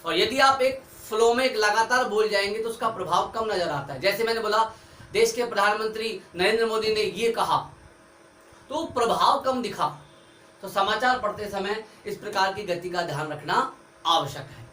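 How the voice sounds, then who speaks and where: Guy teacher explaining grammar online, kinda high bright voice, echoey room, mic far off w faint hiss. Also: lively intonation, moderate pace. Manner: explains step by step, writing on a board as he talks. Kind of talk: online Hindi grammar lesson.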